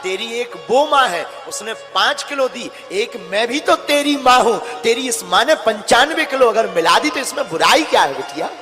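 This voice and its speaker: A man voicing a proud, commanding mother-in-law who calls out loudly. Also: extremely high pitch, expressive, normal speed, few pauses, full character voice. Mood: affectionate. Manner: loud, calling out, commanding. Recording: reverberant hall with music behind.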